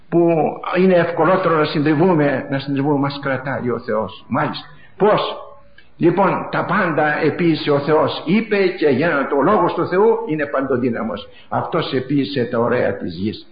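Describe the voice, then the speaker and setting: A middle-aged man preaching a sermon, impassioned and repetitive, swinging from loud cries to hushed words. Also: a little high. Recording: echoey, dull lo-fi recording.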